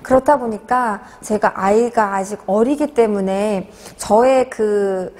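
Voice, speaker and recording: A woman's voice: mid-range voice, slow pace, a little mellow, in a large hall. A woman in her forties, an author answering interview questions in an earnest, hesitant way with many fillers. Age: 40s.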